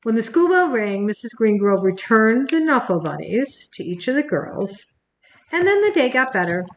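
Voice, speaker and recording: An older woman, a grandmother, reading a picture book aloud on camera and gently talking to her grandchild between pages. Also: a little high, big pitch swings, moderate pace, reverberant, muffled recording, slight background noise. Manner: gentle, talks to the child by name between pages. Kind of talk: recorded bedtime story reading.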